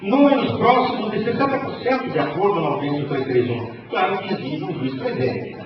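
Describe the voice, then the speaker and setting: A man's voice: high-pitched, fast, crowd noise. Brazilian man lecturing in an echoey hall. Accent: Brazilian Portuguese. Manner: lively storytelling, wry humour. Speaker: conference panelist, lawyer. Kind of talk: conference lecture. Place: large conference hall. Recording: echoey hall, distant dull mic, noisy.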